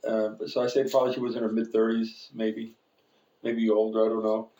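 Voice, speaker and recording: A man's voice: fairly low pitch, little pitch movement, a little fast, warm tone, echoey room, low-quality recording. A man preaching an informal sermon in a church, telling a personal story in a rambling, self-correcting way with frequent chuckles. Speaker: pastor. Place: church sanctuary.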